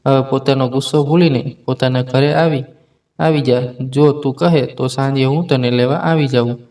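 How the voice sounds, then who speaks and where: A man's voice: medium pitch, fairly even intonation, moderate pace, darkish tone, close to an everyday voice. A man voicing an earnest young husband in a spoken story, talking in a pleading way. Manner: pleading, then hurt. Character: earnest young husband trying to make peace.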